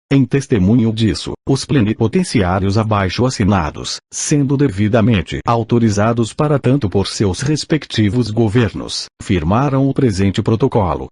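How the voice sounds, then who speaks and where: A synthesized male voice, like an old speech synthesizer, reading a formal audiobook in a mechanical, stilted and measured way. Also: lowish voice, darkish tone, breathy edge, dry recording, clean studio sound.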